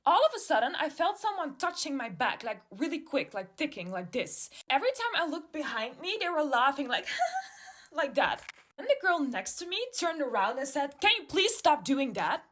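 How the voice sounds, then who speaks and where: A woman's voice: sits high, moderate pace. A young woman telling a get-ready-with-me storytime, acting out the voices of the people in it. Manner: lively storytelling, acts out voices.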